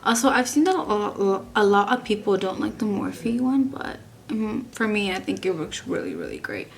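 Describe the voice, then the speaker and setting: A young woman from Texas chats casually through a makeup review as a beauty vlogger, rambling with lots of "likes" and restarts. Her medium-pitched voice is creaky and very animated at a moderate pace. A little hiss or hum is audible.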